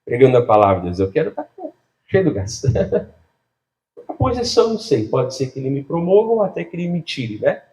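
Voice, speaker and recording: Speaking at a moderate pace in a mid-range voice, this man delivers a lively sermon as a pastor, moving from loud to soft, laughing frequently, and talking straight to his congregation.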